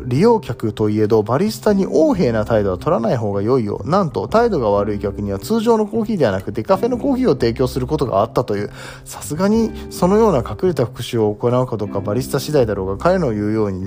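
A man giving casual commentary as he reads an article aloud, reacting with surprise and thinking aloud as he goes. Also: on the low side.

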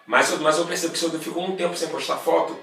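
A Brazilian man in casual chat, animated and swearing freely as he mimics other people. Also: a little high, fast talker, vocal fry. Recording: roomy, distant mic, faint noise.

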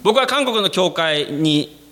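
A man preaching a sermon to his congregation, speaking to them directly. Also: slow. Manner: animated, addresses the congregation directly; acts out quoted voices with sudden jumps in pitch. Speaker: pastor.

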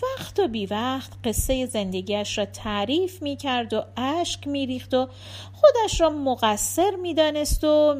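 A woman narrating an audiobook story with expressive, lively storytelling. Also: on the high side.

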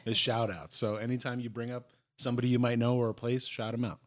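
Male co-host, quick talker, mid pitch, playful joker. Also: level tone. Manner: fast, jokey, playful banter. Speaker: podcast co-host. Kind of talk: casual chat.

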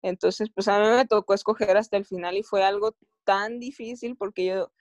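A woman's voice: medium pitch, fairly even intonation, normal speed, dry recording, highs cut off. A woman with a Mexican accent, an athlete recounting her experiences in a casual interview, often stopping and restarting her phrases. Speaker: Olympic athlete guest.

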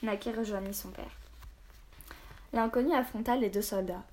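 A woman reading a children's audiobook aloud in a steady, expressive narration. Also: medium pitch, normal speed.

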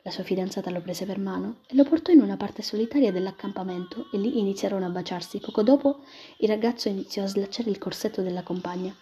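A woman's voice: medium pitch, quick pace, mellow, husky. A woman reading a romance story aloud, often dropping into whispers, on a dull lo-fi recording. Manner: drops into whispers.

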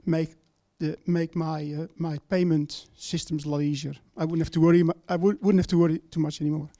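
A man's voice: fairly high pitch, level tone, brisk, warm tone, dry recording. A man asking a question at a panel discussion, hesitant, with restarts and fillers.

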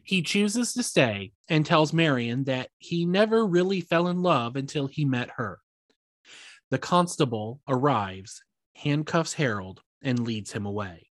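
A man's voice: mid-range voice, lively intonation, unhurried, dry recording. A man co-hosting a podcast, recapping a musical's plot and chatting in a wry, hedging way. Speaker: podcast co-host. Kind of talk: casual chat and plot recap.

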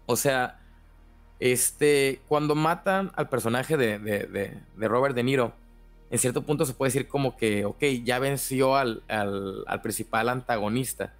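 A man's voice: medium pitch, soft background music. Hesitant man hosting a podcast. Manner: hesitant, halting with many restarts. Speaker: podcast host. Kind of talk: casual podcast discussion.

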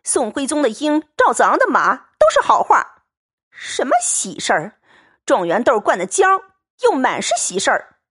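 A woman's voice: fairly high pitch, sing-song, normal speed, breathy edge. Woman doing Yuanyang, a fierce defiant young maid. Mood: furious. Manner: sharp, scolding.

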